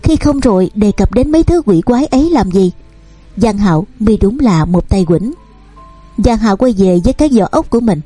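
A woman narrating a romance novel and reading every character's lines in her own voice, over soft background music. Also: medium pitch, expressive, moderate pace, slightly rough, dry recording. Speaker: audiobook narrator. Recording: dry close recording with soft music underneath.

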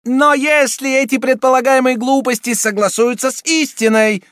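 A man voicing a wrathful, scheming elderly Italian cardinal who shouts and hectors. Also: extremely high pitch, moderate pace, no room sound, studio quality, pitched above the performer's own voice. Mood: furious.

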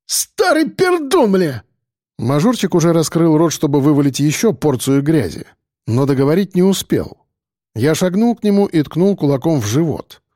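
A male narrator reading a story with a dramatic, expressive delivery. His voice sits a little high for a man and swings widely in pitch. The recording is dry and close. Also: moderate pace, dry recording. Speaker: audiobook narrator. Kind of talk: scripted narration.

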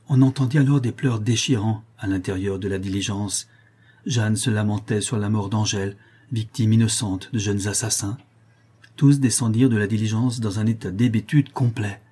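Low, husky male audiobook narrator. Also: mellow. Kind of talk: scripted narration of a historical novel.

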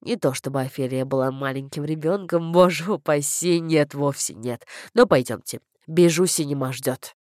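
A woman's voice: deep voice, normal speed, few pauses, darkish tone, dry recording, studio quality, pitched below the performer's own voice, lightly acted. A woman voicing a fussy, talkative older male village vicar who rambles with asides. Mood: genial. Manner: rambling, fond of "so to speak" asides.

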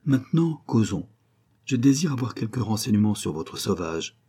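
A man's voice: lowish voice, very animated, moderate pace, mellow, breathy edge. Man playing a cool, cunning young dandy.

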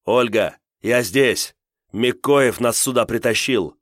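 A man's voice: mid-range voice, slow pace, a bit bright, no room sound, studio quality, pitched above the performer's own voice. A man voicing an anxious young male prisoner who calls out urgently.

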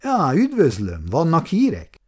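A man voicing a busy middle-aged client who talks briskly and a little irritated on the phone in an audiobook. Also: fairly high pitch, wildly swooping pitch, breathy edge, voice pushed up, full character voice. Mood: curt.

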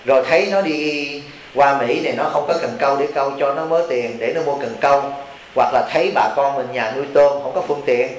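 A man's voice: mid-range voice, fairly even intonation, brisk. A man, a Buddhist monk, gives a folksy sermon to a retreat and keeps asking his listeners questions. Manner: folksy, teasing, asks the audience questions. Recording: roomy hall with faint hiss.

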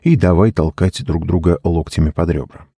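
A man reading a story aloud as an audiobook narrator, in a steady, unhurried storytelling manner. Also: sits low, breathy edge, no room sound. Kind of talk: scripted narration.

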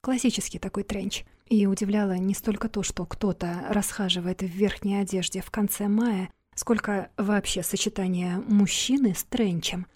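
A woman's voice: medium pitch, fairly even intonation, normal speed, hardly any pauses, darkish tone, no echo. A woman narrating an audiobook in a wry, confiding storytelling manner. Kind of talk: scripted narration.

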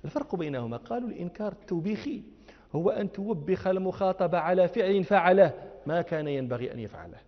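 A man teaching a lecture class. He recites verses softly, then explains them with rising emphasis and quick rhetorical checks. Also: high voice, animated. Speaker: Islamic scholar teaching. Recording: dull lo-fi audio with long hall reverb.

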